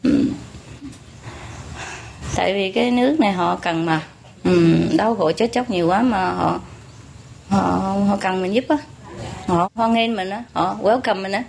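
A woman spiritual teacher, Southern Vietnamese in accent, teaches her followers in a chatty, joking, informal way, full of rhetorical tag questions, as the audience laughs. Her medium-pitched voice is creaky and darkish, a little slow with frequent pauses, over slight background noise.

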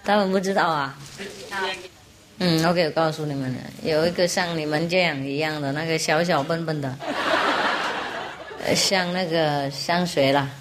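A woman's voice: sits low, fairly even intonation, normal speed, long pauses, a crowd in the background. A woman teaching an audience, telling jokes in a playful, rambling way and often laughing between lines. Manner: rambling, forgetful asides. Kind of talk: joke-telling talk to an audience.

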